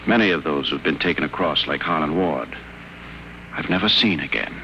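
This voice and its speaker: A man plays a guarded, secretive addict patient in 1940s radio acting style, confiding in low, careful tones. He speaks at a moderate pace against a noisy background.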